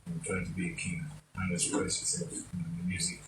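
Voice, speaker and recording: A man from Abia State, a songwriter guest who speaks haltingly and repeats his words. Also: low voice, completely flat delivery, roomy sound, far from the mic, noisy background. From Nigeria, Abia State. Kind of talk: casual studio interview.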